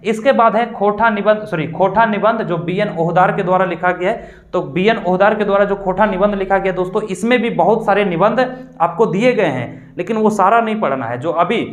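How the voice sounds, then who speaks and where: A man's voice: high-pitched, a little fast. A man teaching an online exam-prep class, explaining patiently and repeating his points as he addresses the viewers as friends. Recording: roomy echo.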